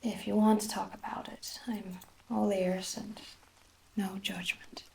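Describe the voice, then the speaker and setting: An Irish woman performs a whispered role-play as a gentle fantasy hair sorcerer. Her delivery is soft and even, with a crackly, creaky edge and deliberate, archaic wording. A faint noise and small clicks sit behind her voice. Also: medium pitch. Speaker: ASMR performer.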